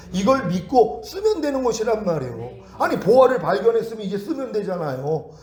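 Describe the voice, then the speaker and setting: A man's voice: sits high, darkish tone, roomy sound. A male pastor preaching a sermon lecture, acting out quoted prayers and voices as he teaches.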